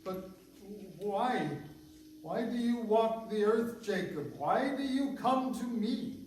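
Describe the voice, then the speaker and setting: A man's voice: sits high, lively intonation, takes it slowly, darkish tone. A man playing a crotchety old miserly businessman in a radio play, querulous and exclamatory. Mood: frightened, pleading. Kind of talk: stage radio-play acting. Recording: noisy, very echoey room, far from mic.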